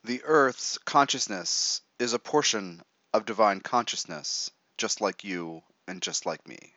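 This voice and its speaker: A man guiding a meditation in a measured, instructive way, pausing between short phrases. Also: fairly low pitch, lively intonation, bright, forceful tone, no room sound, dull audio. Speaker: meditation guide. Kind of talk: guided meditation.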